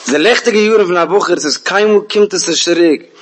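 A man telling a folk tale in an animated way, often repeating words and voicing the figures' lines himself. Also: high voice, measured pace, slight background noise.

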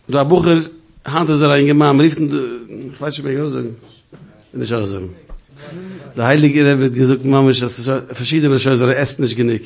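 A man telling a story in a casual, halting way, often restarting and repeating words. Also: medium pitch, creaky, a little mellow.

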